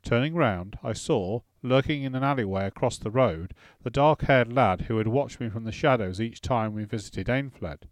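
Male audiobook narrator, mid-pitched, steady first-person storytelling, dry close mic. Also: moderate pace, hardly any pauses, no room sound.

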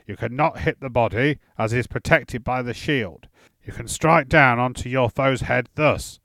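A man voicing a gruff veteran warrior in his late forties who barks stern instructions at boys. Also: moderate pace, a bit bright, no echo. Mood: stern instructing. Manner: booming, stern drill instructor.

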